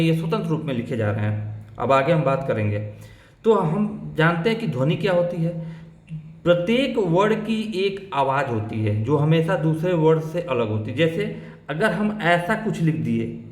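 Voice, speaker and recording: A man leads a recorded exam-prep grammar lesson. His voice sits a bit high for a man and rings off the walls of an echoey room. He talks in a question-and-answer rhythm and keeps checking that everyone is following along. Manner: asks and answers his own questions, repeats "ठीक है". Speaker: teacher.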